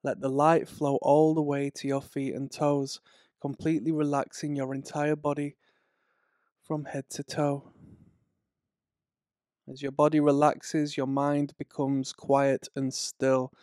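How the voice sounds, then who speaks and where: Smooth, soothing man guiding hypnosis. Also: mid-range voice, level tone, a little mellow, no room sound, clean studio sound. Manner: slow, soothing, measured delivery. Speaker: hypnosis guide. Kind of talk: guided relaxation hypnosis script.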